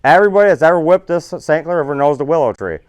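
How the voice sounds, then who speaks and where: A man's voice: a little high, lively intonation, racing, darkish tone, clear, resonant tone, no room sound. Folksy rambling man. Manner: rambling, folksy, self-correcting. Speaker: fishing seminar speaker. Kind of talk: casual seminar talk.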